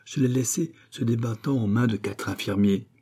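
An eager, loyal revolutionary ally, as a man puts him on, pitched higher with excitement. The tone stays husky and dark in an audiobook reading. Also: moderate pace.

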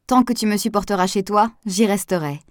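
A woman reading an audiobook, voicing a lively, impulsive young woman who talks emphatically. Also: medium pitch, a little fast, dry recording, clean studio sound, lightly acted.

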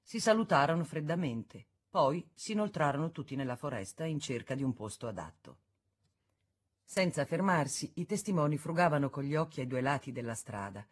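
A woman reading a classic novel aloud as an audiobook, in a measured, expressive narration. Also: low-pitched. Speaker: audiobook reader. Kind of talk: scripted literary narration.

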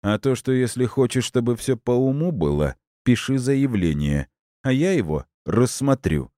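A man voicing a smug, cynical police colonel who speaks in measured, sarcastic, deliberate words. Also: medium pitch, very animated, mellow, dry recording, studio quality, pitched above the performer's own voice, natural voice. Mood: cold, sarcastic.

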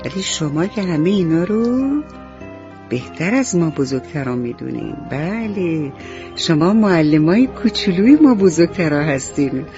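A woman narrating a bedtime story for children on the radio, slow and affectionate. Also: fairly low pitch, expressive. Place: radio studio. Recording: dull lo-fi radio recording with soft music.

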